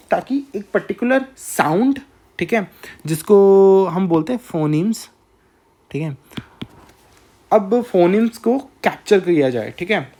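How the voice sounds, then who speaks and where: A man with an Indian accent giving a recorded lecture, speaking slowly and deliberately, often pausing to check in with listeners. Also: sits high, mellow. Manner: slow, measured, with frequent filler checks.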